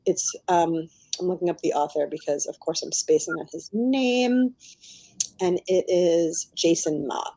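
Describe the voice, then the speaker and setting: A middle-aged American woman, an author, chats informally in a casual book interview, dropping "like" into her sentences often. Her voice is fairly low, mellow and unhurried, and the recording is rough.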